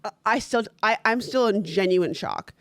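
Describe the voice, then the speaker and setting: A woman's voice: mid-range voice, animated, moderate pace, no room sound. A young woman co-hosting a podcast in casual chat, blunt and swearing freely as she acts out what others said. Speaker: podcast co-host.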